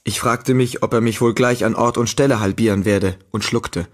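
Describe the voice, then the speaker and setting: A man reading a novel aloud in the first person, with a measured, steady storytelling delivery. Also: lowish voice. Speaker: audiobook narrator. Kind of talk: scripted first-person audiobook narration.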